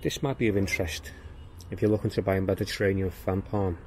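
A man giving a casual tour of his walled garden outdoors, talking in a plain-spoken, unhurried way as he walks and explains. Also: low voice, steady tone, a little mellow, slight background noise. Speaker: gardening vlogger.

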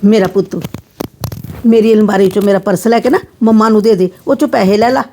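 A middle-aged woman playing a soft-hearted grandmother who placates her daughter-in-law and dotes on her granddaughter. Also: medium pitch, fairly even intonation, a little fast, slight background noise, natural voice. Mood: soothing. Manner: soothing, placating, affectionate. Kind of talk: scripted family drama.

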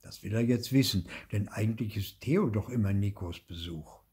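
An older man reading a children's story aloud in a lively, expressive way, with a husky voice. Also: lowish voice, moderate pace. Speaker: storybook reader.

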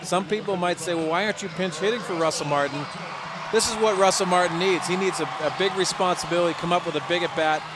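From a stadium broadcast booth, an American man with a high, fast voice gives live radio baseball analysis, explaining plays conversationally and rephrasing as he goes. A noisy ballpark crowd and stadium ambience fill the background.

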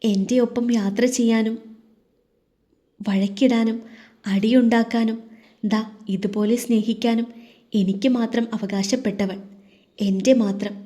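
A woman's voice: a little high, steady tone, measured pace, long pauses, warm tone, close to an everyday voice. Woman voicing a remorseful young man. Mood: devoted. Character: remorseful young man confessing to his lover.

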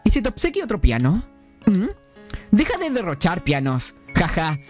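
A man's voice: high-pitched, wildly swooping pitch, normal speed, faint music behind, voice pushed up. A young man voicing a blunt, teasing male character in a visual novel. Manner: dry, teasing.

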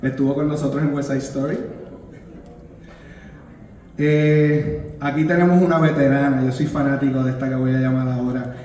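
A man's voice: medium pitch, little pitch movement, moderate pace, long pauses, dark tone. A Puerto Rican man casually announcing a cast to a live crowd, joking and teasing as he goes, mixing in English words. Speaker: producer presenting a musical's cast. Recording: echoey hall with long reverb.

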